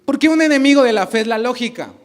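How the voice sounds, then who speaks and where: High-voiced man preaching a sermon. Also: expressive, fast. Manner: preaching to a congregation, asking the crowd questions. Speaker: pastor.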